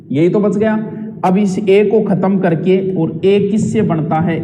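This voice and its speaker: Male teacher in a live online class, high voice, hall reverb, patient step-by-step delivery. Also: mellow, a little hiss or hum. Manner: explains step by step, reads out student comments. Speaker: Hindi grammar teacher.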